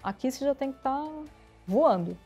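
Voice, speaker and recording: An IT executive from São Paulo, Brazil, speaks as an interview guest in a high, slightly rough voice at normal speed, the recording's highs cut off and soft music playing behind. She's an energetic storyteller who performs the quoted lines in her anecdotes.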